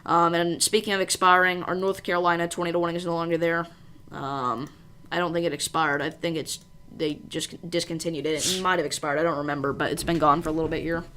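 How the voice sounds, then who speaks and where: A woman with a slightly low voice gives live weather commentary. She hosts the stream informally, reading out alerts and thinking aloud. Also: little pitch movement, quick pace, sharp tone, a little hiss or hum. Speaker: storm livestream host.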